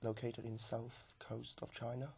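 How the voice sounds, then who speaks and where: Hesitant young man, gravelly and flat. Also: mid-range voice, measured pace, a little hiss or hum. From Macau. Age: young adult. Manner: hesitant, many ums and restarts. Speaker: exam candidate. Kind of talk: speaking exam answers.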